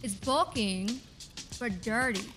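A woman's voice: a little high, takes it slowly, music in the background. A woman playing a brash, sarcastic young detective in a comedic short film. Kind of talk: comedic student film acting.

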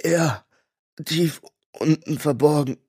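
A man voicing a dying older father who speaks weakly and haltingly in an audiobook. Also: fairly high pitch, darkish tone, no echo, studio quality, heavily acted. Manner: weak, halting, breathy.

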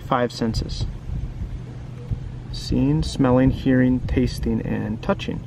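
A man who reads children's books and teaches does a casual read-aloud for kids, speaking informally and often asking the listener questions and tag questions. His mid-range voice is steady and slow with vocal fry, and there is background noise.

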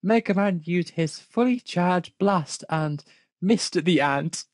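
Recorded dry and at studio quality, this medium-pitched reader takes the fan fiction slowly. Every so often they stop to question and mock what they've just read, offering amused, off-the-cuff remarks.

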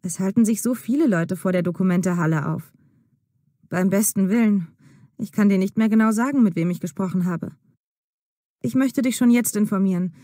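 A woman reading a smooth, evasive man who dodges questions and pitches bold plans. Soft, mellow voice in a dry, close recording. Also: normal speed, no echo, close to an everyday voice. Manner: evasive, then upbeat and persuasive. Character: evasive, smooth-talking male gallery manager. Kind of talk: acted dialogue in a learner audio drama.

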